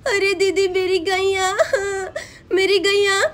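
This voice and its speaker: A distraught young village wife, as a woman puts her on in a cartoon story. She sounds very high and pleads through tears over and over. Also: moderate pace, a bit bright. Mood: tearful. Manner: pleading, tearful.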